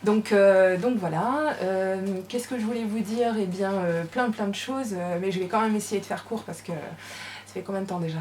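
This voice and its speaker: A woman's voice: mid-range voice, normal speed, a little mellow. Chatty woman vlogging with her dogs around. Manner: chatty, coaxing her dogs between remarks. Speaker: scrapbooking vlogger. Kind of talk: casual chat to camera. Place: her craft room at home. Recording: distant camera mic, noisy room. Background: dogs moving about.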